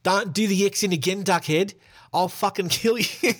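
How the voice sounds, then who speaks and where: A cartoonish New Zealand bloke, as a podcaster puts him on, in a deliberately bad, put-on New Zealand accent pitched well above the man's own voice. The delivery is clumsy and exaggerated, the accent slipping toward Australian, with the speaker repeatedly on the edge of laughing. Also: a bit bright. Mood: jokey mock.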